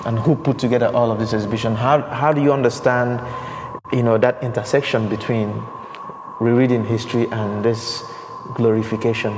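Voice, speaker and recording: Inquisitive man interviewing in a hall. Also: medium pitch. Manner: inquisitive, searching questions with restarts. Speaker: podcast host, interviewer. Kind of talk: podcast interview. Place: exhibition space indoors. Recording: reverberant hall with clear background noise.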